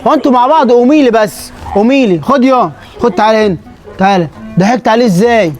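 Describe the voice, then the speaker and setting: A man with an Egyptian Arabic accent playing a gruff, scolding shopkeeper in a comedy sketch. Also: extremely high pitch, over music. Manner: gruff, scolding, quick-tempered.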